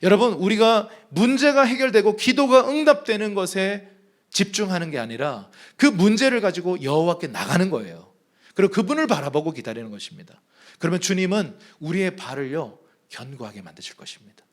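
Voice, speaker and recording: A male pastor delivers a sermon in a church with a high, bright-sitting voice. His pitch leaps and dips constantly as he presses each point. He preaches emphatically and calls the congregation to read along with him. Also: big pitch swings, a little fast. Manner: emphatic preacher, leads congregation in reading aloud. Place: church sanctuary.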